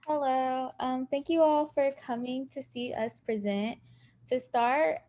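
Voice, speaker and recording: A young woman from Kentucky, a student, giving a class presentation over a video call in a steady, prepared way. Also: high voice, slow pace. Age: young adult.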